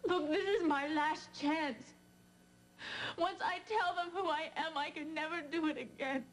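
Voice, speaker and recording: A woman's voice: high-pitched, fairly even intonation, unhurried, a little hiss or hum. An actress playing a determined young woman who insistently pleads to take another's place, in 1980s TV soap acting.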